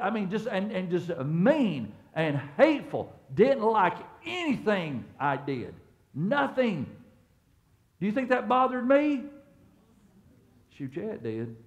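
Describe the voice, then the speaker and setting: A man's voice: high-pitched, sing-song, a little slow. Man preaching in conversational sermon style. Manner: conversational preaching, swings from hushed storytelling to loud emphatic peaks. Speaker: pastor. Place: church sanctuary.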